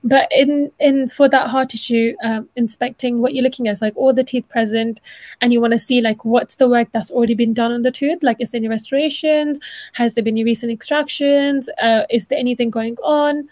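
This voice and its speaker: Presenting a dental anatomy session online from a small room at home, this young student talks in a slightly high, darkish voice with fairly even intonation and a little speed. She keeps it informal, chatty and encouraging, frequently rephrasing, and the recording has no room sound.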